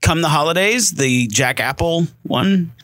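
A man hosting a casual interview, relaxed and rambling, with lots of "kind of thing" and "you know". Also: fairly high pitch, unhurried, no room sound, clean studio sound. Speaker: podcast host.

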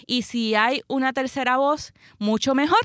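Higher-pitched Puerto Rican woman, dry sound. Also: normal speed, a bit bright, dry recording. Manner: emphatic, repeats phrases. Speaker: sports podcast host. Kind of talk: casual sports chat.

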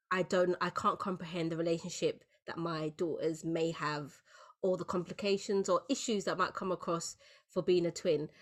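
A woman hosting a casual podcast interview, chatty and encouraging. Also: lowish voice. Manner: chatty, encouraging with frequent backchannels. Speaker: podcast host.

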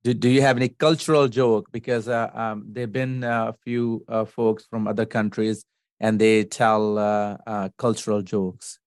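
A man's voice: fairly low pitch, steady tone, moderate pace, no room sound. Easygoing male podcast host, dry sound. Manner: easygoing, informal with fillers. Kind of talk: interview hosting.

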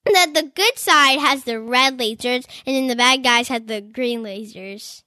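A woman's voice: high voice, a little slow, pushed and bright, no echo, clean studio sound. A woman co-hosting a casual book podcast, playful and silly with goofy asides. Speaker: podcast co-host. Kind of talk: casual chat about a book.

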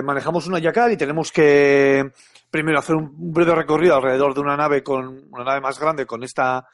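A man's voice: medium pitch, dry recording, studio quality. A man with a Castilian Spanish accent chatting casually and colloquially about games as a podcast panelist, often repeating words as he goes. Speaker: video game podcast panelist. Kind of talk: casual game review chat.

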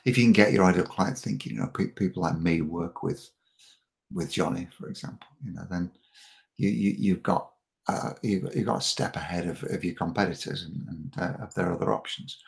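Middle-aged man guest, deep gravelly voice, stumbling restarts, casual chat. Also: fairly quick. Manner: frequent repeated words and restarts. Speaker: podcast guest, marketing coach.

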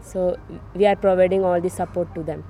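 A nurse from Kerala in India answering interview questions hesitantly, with many pauses and fillers. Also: female voice, fairly low pitch, steady tone, warm tone, soft background music.

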